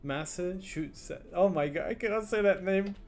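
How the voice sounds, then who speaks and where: A man's voice: sits high, fairly quick, a little mellow, faint music behind. A man streaming a game live, chatting casually and reacting aloud as he plays and reads chat.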